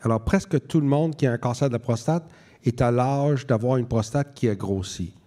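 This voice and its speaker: A man's voice: medium pitch, moderate pace, mellow. A man, a medical specialist explaining things in plain everyday words as part of a panel. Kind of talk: plain-spoken expert explanation.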